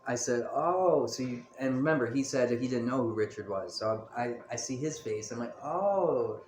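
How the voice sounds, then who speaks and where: A man's voice: mid-range voice, steady tone, brisk, a little mellow, roomy sound, slight background noise. A man telling a personal story in a casual, candid monologue, full of fillers. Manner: candid, rambling, many fillers.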